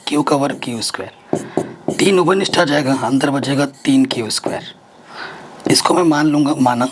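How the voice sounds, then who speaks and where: A man teaches math at a board, his voice sitting a touch high. He keeps asking his students each next step and then answers it himself. The recording carries steady background noise with the scratch of writing. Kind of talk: whiteboard math lesson.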